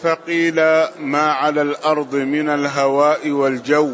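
Male reader in a lesson, slightly high voice, formal even recitation, dull lo-fi audio. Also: moderate pace. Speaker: student reading the text aloud. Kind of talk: reading a classical text aloud in a lesson. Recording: muffled lo-fi audio with faint hiss.

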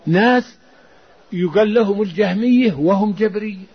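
A man's voice: high-pitched, moderate pace, breathy edge. A man giving a religious lesson as an Islamic scholar, fervent, with raised emphatic outbursts. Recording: dull lo-fi recording.

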